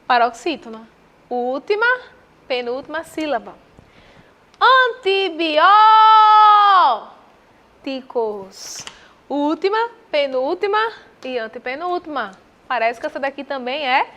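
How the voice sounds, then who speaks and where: A woman with a Brazilian accent teaching Portuguese, walking through exam answers with rhetorical questions and slow repetition of terms. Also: sits high, expressive. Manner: didactic, asks the viewer rhetorical questions; spells out terms slowly and repeats them.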